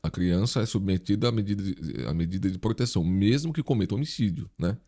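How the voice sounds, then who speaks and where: A man's voice: sits low, lively intonation, fast talker, mellow. A Brazilian man teaching an informal exam review lesson, his articulation slightly impeded by a dental retainer in his mouth. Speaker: instructor, online video host.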